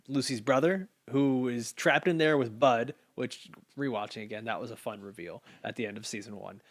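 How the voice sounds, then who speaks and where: Laid-back man recapping a TV show. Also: mid-range voice. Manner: laughs often, animated storytelling with acted quotes. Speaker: podcast co-host. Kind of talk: casual TV recap chat.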